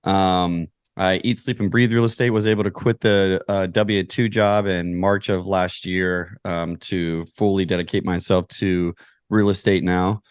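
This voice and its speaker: Deep-voiced and measured, a real estate investor from Kentucky, USA, answers interview questions as a podcast guest with fairly even intonation and a clean tone. He explains things methodically in a conversational style, recorded in the studio with no echo.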